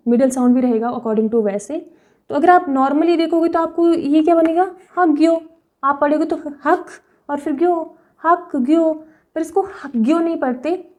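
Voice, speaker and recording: A young woman teaching a language online, explaining patiently, repeating example words slowly and often checking with the listener. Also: high voice, mellow.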